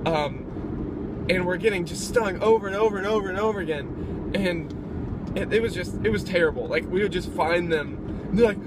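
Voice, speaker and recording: A man's voice: high voice, normal speed. A young man telling a rambling story in casual chat, filler-heavy, recorded in a car. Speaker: vlog co-host. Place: car parked outdoors. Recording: street and car noise behind.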